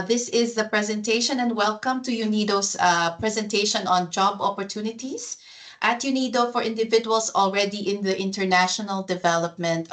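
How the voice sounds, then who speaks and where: A woman's voice: mid-range voice, fairly bright tone. A woman HR officer hosting an online presentation over a video call, speaking with frequent fillers and restarts.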